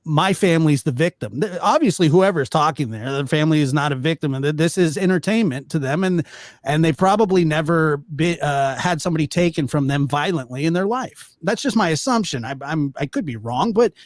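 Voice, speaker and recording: A man giving conversational panel commentary in a halting way, often mimicking what others say. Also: a little high, expressive, no echo.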